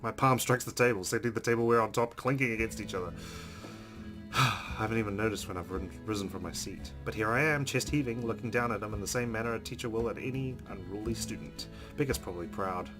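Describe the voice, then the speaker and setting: A man with a lowish voice speaks a little fast while hosting a let's play. He reads the game's narration aloud and tosses in casual comments, with game music playing behind him.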